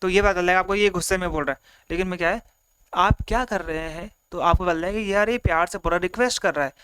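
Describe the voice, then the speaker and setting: A man's voice: high voice, racing, a bit bright, clean tone. A man teaching an online exam-prep lecture, explaining step by step, acting out examples and mixing in English terms. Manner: explains in simple repeated steps, acts out examples; mixes Hindi with English terms.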